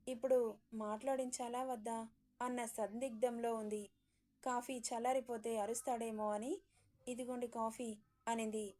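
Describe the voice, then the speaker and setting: A woman storyteller giving steady narration of a serialized story. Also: fairly high pitch.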